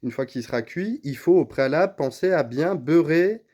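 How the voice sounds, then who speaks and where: A woman with a low, deep voice talks through a recipe in her home kitchen. Her tone is soft and mellow, and she patiently encourages a child helping her at each step. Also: animated, moderate pace. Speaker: parent cooking with her child on his channel. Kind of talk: step-by-step cooking instructions.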